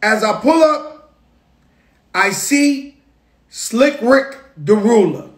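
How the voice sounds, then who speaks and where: A middle-aged man telling an excited story at a public event, repeating phrases for emphasis. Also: extremely high pitch, extremely slow. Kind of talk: animated storytelling. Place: outdoor construction site event. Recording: echoey, reverberant sound.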